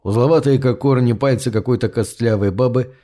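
A man narrating a science fiction story in a steady, measured audiobook reading. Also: mid-range voice.

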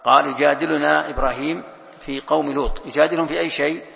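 A man's voice: fairly high pitch, steady tone, fast talker, creaky. A man teaching Quran exegesis to a class, explaining a text line by line, stretching out quoted passages for emphasis and putting questions to his students. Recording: muffled lo-fi recording in a reverberant hall.

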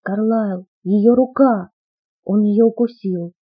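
A woman's voice: on the high side, fairly quick, slightly rough, dry recording, narrow, tinny audio. A woman voicing an anguished young man who pleads urgently and tenderly. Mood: panicked.

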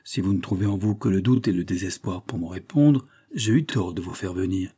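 A man reading an audiobook, voicing a resolute old grandfather who reasons in a measured, firm way. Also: low-pitched, mellow, breathy edge. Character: grave, resolute grandfather, protective and calm.

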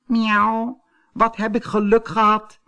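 A man reading a storybook, voicing a small, timid young tomcat with a high, mewing, plaintive voice. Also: very animated, a little slow, heavily acted. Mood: relieved. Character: small young male kitten, timid and hopeful.

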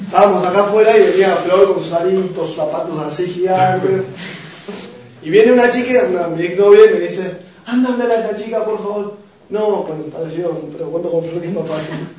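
High-voiced Rioplatense man preaching, echoey. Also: fairly quick, darkish tone, slight background noise. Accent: Rioplatense Argentine Spanish. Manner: joking, emotional storytelling, asks the audience questions. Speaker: youth preacher. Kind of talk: lively preaching to a youth group. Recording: very echoey room, voice picked up from a distance.

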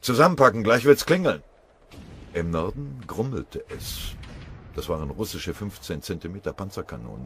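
A man narrating a war novel as an audiobook in a measured, dramatic reading. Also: low voice, a little hiss or hum.

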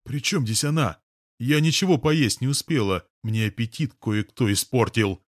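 Audiobook: male reader as a stubborn, tearful young woman, snappish, slightly higher voice. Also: lively intonation, moderate pace, dry recording, studio quality, lightly acted. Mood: irritated. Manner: sharp, petulant, tearful. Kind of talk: audiobook character voice.

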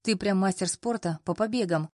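A woman's voice: medium pitch, moderate pace, a little mellow, no room sound, studio quality, close to an everyday voice. A woman reading a teasing, confident boss. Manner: teasing, commanding. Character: confident teasing male boss, young adult.

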